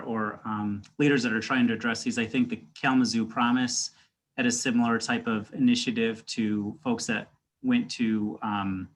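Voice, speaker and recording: A man moderating student presentations in an online class, encouraging and hesitant, with many fillers. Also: medium pitch. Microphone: video call.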